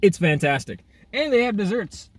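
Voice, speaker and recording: A man's voice: sits high, big pitch swings, normal speed. A man casually reviewing food for a vlog, chatty and exclaiming as he eats outdoors. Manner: chatty, eating while talking, frequent exclamations. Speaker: food vlogger. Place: outdoors in half sun, half shade.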